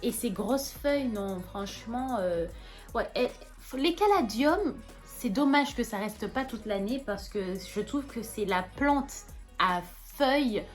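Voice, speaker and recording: A woman's voice: fairly high pitch, expressive, slow, faint music behind. A young woman, chatting casually in a plant vlog, rambling with many fillers and restarts. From Martinique. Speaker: plant vlogger. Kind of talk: casual show-and-tell vlog.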